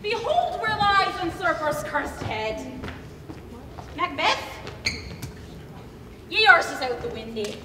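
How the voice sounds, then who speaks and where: A woman's voice: high-pitched, sing-song, slow, long pauses, very noisy, exaggerated voice. A woman playing a blustering Scottish man on a school stage, with an exaggerated put-on Scottish brogue. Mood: proud. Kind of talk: comic stage acting. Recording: echoey hall from far off.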